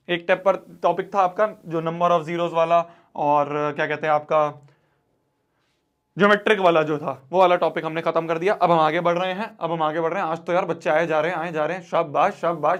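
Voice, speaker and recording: High-pitched man scolding a live math class. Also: fairly even intonation, a little fast, a bit bright, dull audio. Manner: repetitive, scolding, pleading with students. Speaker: math teacher.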